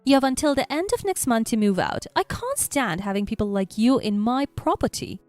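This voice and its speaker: A woman's voice: fairly high pitch, sing-song, brisk, darkish tone, no room sound, soft background music. A woman voicing a cool, assertive mother in a storybook reading. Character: cool, confident mother and landlord.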